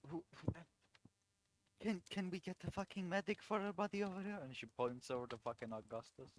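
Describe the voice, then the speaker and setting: A man's voice: sits high, lively intonation, brisk, a little hiss or hum. A man playing a tabletop game, blunt and swearing a lot. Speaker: player. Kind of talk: casual tabletop play.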